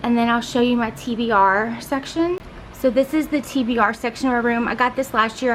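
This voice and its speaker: A woman walks through her home, chatting in a slightly high, upbeat voice with plenty of ums. A faint household hiss sits under her talk. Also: poor audio. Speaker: home decor vlogger. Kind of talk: casual house tour narration. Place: inside a home.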